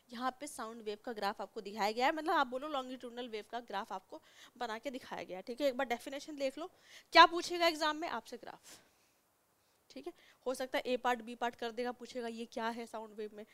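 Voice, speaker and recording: A woman's voice: high-pitched, a bit bright. A young woman with an Indian accent teaching a science lecture, explaining step by step, repeating key terms and often checking in with her students.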